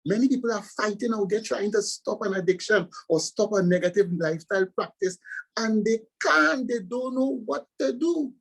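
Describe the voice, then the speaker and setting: Husky Trinidadian pastor, earnest. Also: male voice, high-pitched, normal speed, poor audio. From Trinidad and Tobago. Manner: earnest, preacherly emphasis. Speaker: pastor and author. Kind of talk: interview answers.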